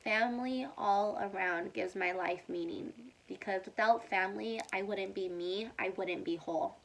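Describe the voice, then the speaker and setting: A woman's voice: mid-range voice, moderate pace, creaky, fairly bright tone, poor audio. A young woman chatting casually through a mukbang Q&A video at home, emotional and full of "like" fillers. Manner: chatty, emotional, says "like" a lot. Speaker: YouTuber. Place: home, indoors.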